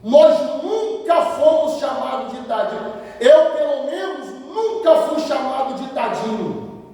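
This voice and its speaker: High-voiced pastor preaching in an echoey hall. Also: male voice, big pitch swings, unhurried, dark tone, recorded from a distance. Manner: emphatic preaching, repeating phrases for effect. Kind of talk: sermon.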